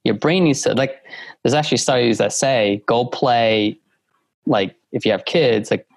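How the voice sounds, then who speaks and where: A male entrepreneur giving business advice in a casual chat, halting, with many fillers and restarts. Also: medium pitch, creaky, no room sound. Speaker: guest entrepreneur.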